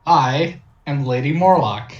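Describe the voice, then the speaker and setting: A haughty noblewoman adventurer played by a woman in a tabletop game, imperious and dismissive. She speaks slowly and bluntly, with roomy echo around the voice. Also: very deep voice, lively intonation, highs cut off, pitched below the performer's own voice, exaggerated voice. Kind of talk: tabletop role-play.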